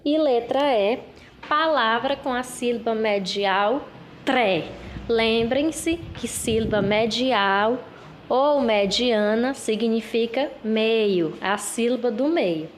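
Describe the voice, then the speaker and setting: A woman teacher from Brazil giving a recorded lesson to children, reading out questions slowly and with emphasis. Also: a little high, slight background noise. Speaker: schoolteacher.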